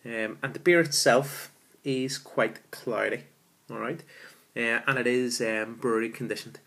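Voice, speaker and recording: A man's voice: medium pitch, steady tone, unhurried, gravelly, a bit bright. A man, reviewing a beer at home in a chatty, enthusiastic way with lots of fillers, filmed with a camera at arm's length. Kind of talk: casual beer review vlog. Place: small room at home, indoors.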